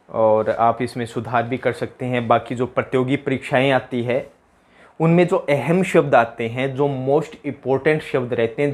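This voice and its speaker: A young man teaches an exam-prep lesson. His voice sits at an ordinary middle pitch. He keeps the tone chatty, repeats key words for drilling, and drops into local dialect asides.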